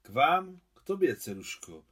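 A man reading an audiobook, voicing a humble, kindly old male hospital watchman who speaks gently and plainly. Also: fairly high pitch, big pitch swings, breathy edge, pitched above the performer's own voice, full character voice.

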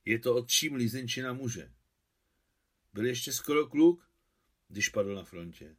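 A man's voice: mid-range voice, animated, close to an everyday voice. A man reading aloud and voicing a fussy, nagging old village woman. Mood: chiding. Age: older. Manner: scolding, fussy. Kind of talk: audiobook reading.

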